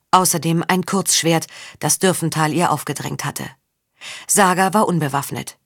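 Low-voiced woman reading fiction, dry. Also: no echo. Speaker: audiobook narrator. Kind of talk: scripted narration.

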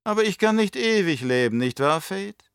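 A man voicing a scheming old baron with a slow, mocking, condescending delivery in an audiobook. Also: high voice, sing-song, a bit bright, smooth, no room sound, studio quality, pitched above the performer's own voice, heavily acted. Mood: menacing. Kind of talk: audiobook character voice.

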